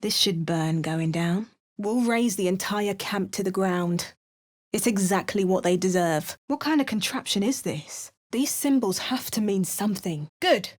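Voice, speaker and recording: As a video game's player character, a woman voices a wry, resolute female adventurer, narrating and offering dry, understated comments. Her medium-pitched voice is unhurried and lightly acted.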